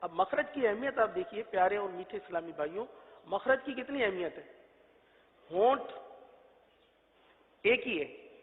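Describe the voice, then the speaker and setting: Male recitation teacher, high voice, drawn-out sung letters, thin tinny audio. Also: animated. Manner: asks and answers his own questions. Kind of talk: patient spoken lesson. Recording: tinny phone-like echoey audio.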